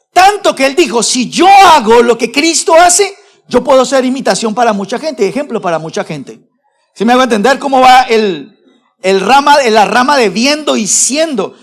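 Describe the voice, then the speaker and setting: A man preaching a sermon as pastor. He asks the congregation rhetorical questions and speaks to them directly, swinging between loud stressed words and low, quiet phrases. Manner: addresses the congregation directly and formally.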